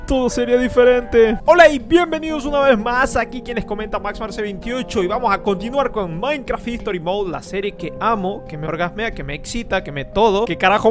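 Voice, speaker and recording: A man doing profane, joking commentary over a story game he is playing. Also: high voice. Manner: profane, joking, puts on silly voices. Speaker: gameplay commentator. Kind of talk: crude comedic let's play commentary.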